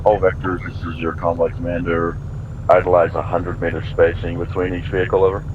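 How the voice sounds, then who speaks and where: A man's voice: sits low, monotone, fairly quick. A man playing convoy commander in an online military game, making clipped, formal radio calls over a walkie-talkie and ending each call with "over". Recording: muffled radio voice over noisy vehicle sounds.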